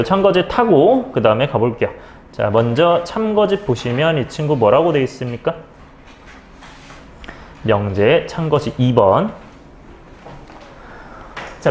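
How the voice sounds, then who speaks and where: A man's voice: on the high side, echoey room, slight background noise. A male math teacher giving a step-by-step lecture, asking questions and answering them himself, often checking in with students. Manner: keeps checking in with students, "okay?".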